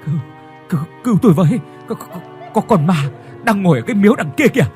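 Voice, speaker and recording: A woman's voice: sits low, sing-song, moderate pace, a little mellow, soft background music. Guy doing a scared old village lady, stutters a lot, voice swinging up and down. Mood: terrified. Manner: stammering, panicked. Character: terrified old village woman, stammering.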